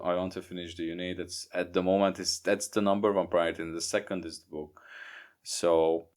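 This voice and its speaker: A young Hungarian man with a Hungarian accent, a guest author talking casually in a podcast interview, halting and repeating words. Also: low-pitched. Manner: halting, repeats words, non-native grammar. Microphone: remote podcast recording.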